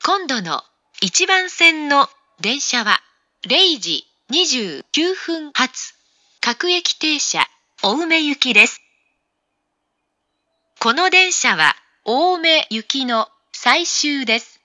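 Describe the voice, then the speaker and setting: Bright, high-pitched female station announcer. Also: sing-song, no room sound. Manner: formal, measured, carefully enunciated. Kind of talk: scripted automated station announcement.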